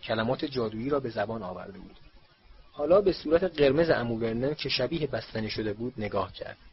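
A man narrating a children's storybook in a steady, measured reading voice. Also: mid-range voice. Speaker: audiobook narrator. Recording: slightly dull with faint hiss.

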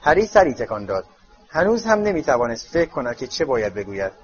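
A man narrating a storybook in an expressive, storytelling way. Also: mid-range voice. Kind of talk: audiobook reading. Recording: slightly muffled audiobook with faint music.

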